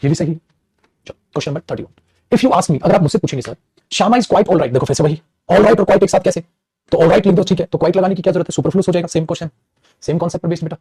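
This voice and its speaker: Male grammar teacher, mellow slightly high voice, dry close sound. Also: slightly rough, no echo. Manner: calls students "beta", reads sentences slowly. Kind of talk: exam error-spotting lesson.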